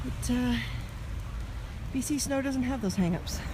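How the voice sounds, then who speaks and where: A woman vlogger from Toronto, Canada, chats upbeat to the camera while walking a snowy city street. Her voice is a little high and a little slow, and the casual vlog picks up outdoor street and traffic noise.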